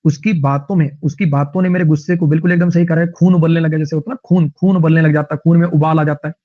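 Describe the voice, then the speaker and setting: A male teacher with a Haryanvi-tinged Hindi accent, giving an online vocabulary lesson in a chatty, jokey way with lively anecdotes. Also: fairly high pitch, fast, dull audio.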